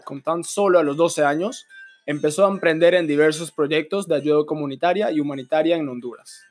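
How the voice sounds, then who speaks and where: A man's voice: on the high side, a little mellow. A man hosting a podcast, reading a scripted introduction of his guest. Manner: hesitant fillers when asking questions. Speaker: podcast host. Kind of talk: scripted intro then interview questions.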